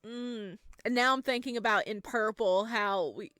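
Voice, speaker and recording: A woman's voice: on the high side, moderate pace, no room sound. A woman gaming YouTuber who reads a horror visual novel aloud expressively and then reacts to it. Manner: expressive, animated reader.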